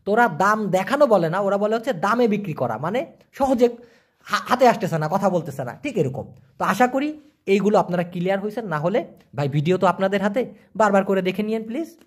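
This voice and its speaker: A man giving an online language lesson, answering viewer questions and slowly repeating foreign words for pronunciation. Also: high-pitched, expressive. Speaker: language teacher.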